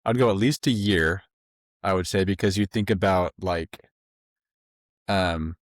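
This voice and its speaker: A man's voice: sits low, unhurried, no echo, clean studio sound. A young man co-hosting a casual podcast, throwing out goofy joking guesses. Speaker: podcast co-host. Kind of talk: casual chat.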